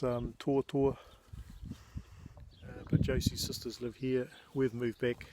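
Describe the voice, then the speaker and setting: A middle-aged man with a Māori New Zealand English accent, talking casually and unhurriedly with hesitations as he films a walk-around vlog outdoors. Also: medium pitch. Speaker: vlogger showing family land. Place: outdoors on rural land. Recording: noisy outdoor amateur recording. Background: clear outdoor noise, birds.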